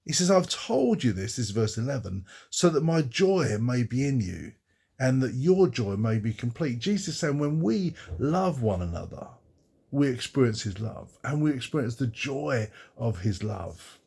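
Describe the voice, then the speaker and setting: A man, a pastor, giving an earnest devotional Bible reflection and slowing down to stress key phrases. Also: medium pitch, very animated, vocal fry, darkish tone, slightly rough.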